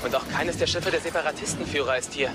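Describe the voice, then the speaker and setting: A man's voice: on the high side, fast, lightly acted. A man playing a bold young starfighter squadron leader in a German audio drama, giving clipped, commanding orders. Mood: commanding, focused. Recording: loud music and battle effects behind.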